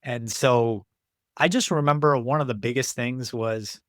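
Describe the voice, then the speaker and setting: An American man hosting a podcast, talking in a relaxed, reflective and chatty way with lots of "like"s. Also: medium pitch, unhurried, dry recording, clean studio sound. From United States. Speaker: podcast host. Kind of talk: casual podcast conversation.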